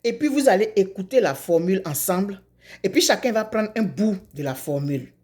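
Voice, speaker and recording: A woman's voice: medium pitch, animated, fairly quick, darkish tone, lightly acted. Woman doing a clever advising chameleon.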